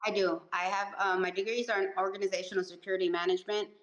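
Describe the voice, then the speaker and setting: Here a mid-range, steady voice moves at a quick pace: a woman in her forties, originally from Puerto Rico and raised in the US Northeast, giving easygoing, direct answers as a guest life coach in an interview. The audio sounds roomy and dull, with a little hiss or hum.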